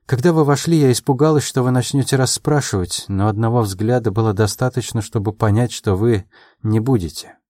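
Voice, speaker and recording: A man voicing a proud, quick-tempered young woman in an audiobook, her lines pitched a little above his own and delivered in quick, emotional replies. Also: mellow, dry recording, studio quality, natural voice. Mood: defensive, earnest.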